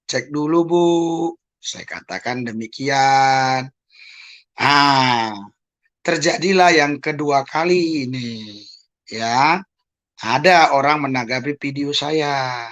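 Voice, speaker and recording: A YouTube host answers accusations in a monologue to his channel's viewers, calling them "Saudara" and repeating pointed rhetorical questions. His medium-pitched, slightly bright voice moves slowly, with frequent pauses.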